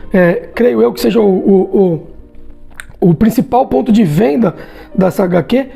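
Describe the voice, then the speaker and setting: Speaking with a Brazilian Portuguese accent, this man gives a chatty, casual comic book review, adding small check-ins at the ends of sentences. His voice is very high and warm, with vocal fry.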